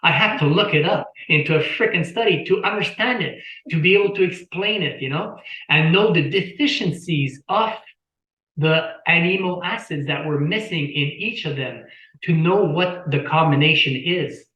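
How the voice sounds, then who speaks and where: A man's voice: a little high, moderate pace, sharp tone. Talkative man on a lo-fi echoey call. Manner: rambling, repeats words, tells anecdotes. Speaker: interview guest. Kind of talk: casual explanatory talk.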